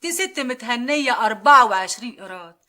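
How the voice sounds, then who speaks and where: An actress with an Egyptian Arabic accent playing a restless young woman who talks in a quick, mocking, impatient way in a TV drama. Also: a little high, expressive, noisy background, natural voice. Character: restless young woman seeking a love charm. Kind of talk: TV drama acting.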